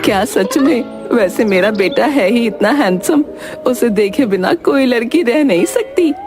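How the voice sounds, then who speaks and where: A woman voicing a sharp-tongued, mocking middle-aged mother-in-law in a cartoon story, full of taunts. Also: a little high, lively intonation, measured pace. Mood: doting. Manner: taunting, sarcastic jibes. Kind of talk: cartoon voice acting. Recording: voice over background music.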